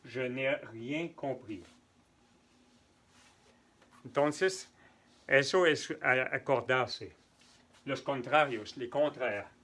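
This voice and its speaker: A man's voice: medium pitch, extremely slow, long pauses, a bit bright. A man teaching French grammar to Spanish speakers, patiently repeating example sentences and translating them. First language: neither French nor Spanish. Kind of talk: bilingual grammar lesson.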